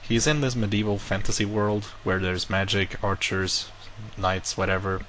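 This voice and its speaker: A vlogger with a low-pitched voice, speaking English as a second language, delivers a casual monologue to the camera at a moderate pace. He rambles through an animated retelling of a personal story, often pausing to correct and rephrase himself. The audio quality is poor, with a faint room hum beneath his voice.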